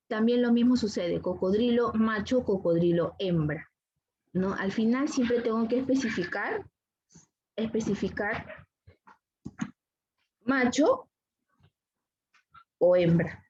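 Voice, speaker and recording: A woman teacher walks through a grammar lesson over a video call, patient and methodical, pausing often to check the class is following. Her voice sits at an ordinary middle pitch. The audio is a little dull, with a faint hiss behind it. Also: darkish tone. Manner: patient, explains step by step with many rhetorical "¿no?". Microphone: computer mic on a video call.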